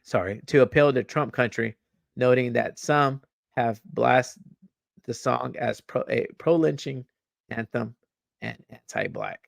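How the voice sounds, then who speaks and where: A man's voice: medium pitch, unhurried, vocal fry, no echo, studio quality. A young man hosting a podcast, reading news aloud and ranting about it, stumbling over words, repeating himself and swearing as he gets heated. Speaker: podcast host.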